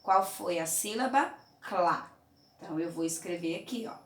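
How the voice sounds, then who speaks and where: A woman teaching young children in a remote lesson, from Brazil, patient and clear, often checking in with "tá?" and "certinho?". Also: lowish voice, animated, brisk, recorded from a distance. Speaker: primary school teacher. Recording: roomy echo, mic held away.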